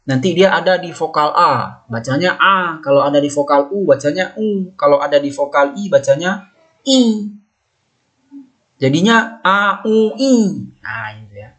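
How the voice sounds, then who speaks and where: A man's voice: on the high side, animated, fairly bright tone. Patient male teacher repeating terms. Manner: repeats key terms slowly while pointing at marks on a slide; patient, explanatory, with many fillers. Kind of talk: recorded classroom lesson.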